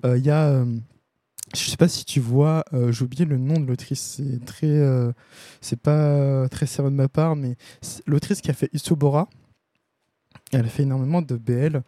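A man talks through a casual stream review, pausing on fillers and restarting his sentences. His voice is very dark and mellow, at a middling pitch. The sound is dry and close. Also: steady tone, no room sound. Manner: hesitant, many fillers and restarts. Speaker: host of a comics review stream.

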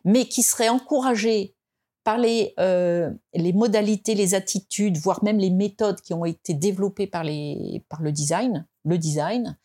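A woman from France speaking as a guest in an interview, reflective and hesitant, with many fillers and restarts, and rising in pitch to stress her points. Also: measured pace, warm tone. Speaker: design expert guest. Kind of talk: conversational interview.

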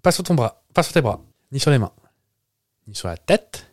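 A man's voice: mid-range voice, very animated, normal speed, no echo, clean studio sound. Playful teasing man with a Moselle accent. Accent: Moselle French. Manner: playful and teasing, rambling asides. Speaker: podcast co-host. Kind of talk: casual chat. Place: studio with a producer present. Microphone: studio microphone.

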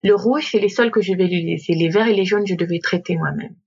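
A woman from Gabon, a coach and guest, tells her story in a casual interview, animated and slipping into quoted voices and English phrases. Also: on the low side, fast, creaky, husky. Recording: dull lo-fi remote recording.

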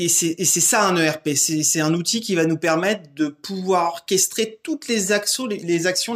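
A man with a fairly high-pitched voice who hosts a podcast. He asks his questions in a hesitant way. He uses lots of fillers and keeps rephrasing as he goes. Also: fairly bright tone. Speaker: podcast host. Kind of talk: casual podcast interview.

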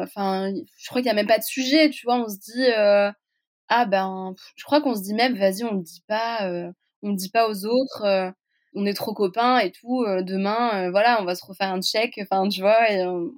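A young woman from France tells a personal story as a podcast guest. She talks in a loose, chatty flow, full of fillers and asides to the listener, at an ordinary middle pitch. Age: young adult. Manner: chatty, peppers speech with "tu vois" and fillers.

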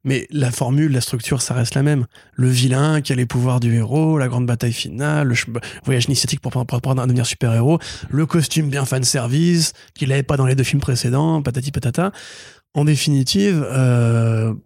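A man's voice: medium pitch, vocal fry, darkish tone, dry recording. Opinionated man in dry podcast chat. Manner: rapid, opinionated, laughs often. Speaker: podcast co-host. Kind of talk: casual podcast chat about films.

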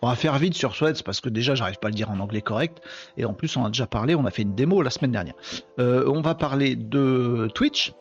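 A man hosting a casual live stream, talking in a chatty, animated way and addressing viewers as friends, a little tired. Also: mid-range voice, a little fast, lo-fi sound, faint music behind. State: tired from insomnia.

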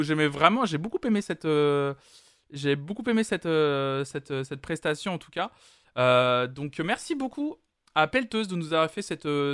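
A man's voice: a little high, a bit bright, smooth, no room sound, studio quality. A man hosting a live music stream, chatting casually with lots of hesitant fillers. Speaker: streaming music show host.

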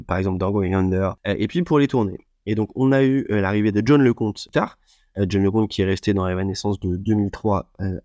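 A man hosts his own podcast alone and speaks without a script. His voice sits fairly low, and he often stops to restart a phrase or fill a pause. The recording is close and dry, with no room sound. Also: darkish tone, no echo. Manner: hesitant, many fillers and restarts. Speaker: podcast host. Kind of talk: unscripted solo podcast talk.

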